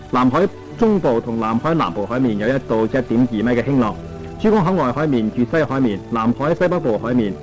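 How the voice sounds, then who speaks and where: Man, Cantonese accent, news anchor, steady measured delivery, old VHS tape sound, faint music behind. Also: medium pitch, low-quality recording. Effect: old VHS tape recording. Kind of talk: formal news and weather reading.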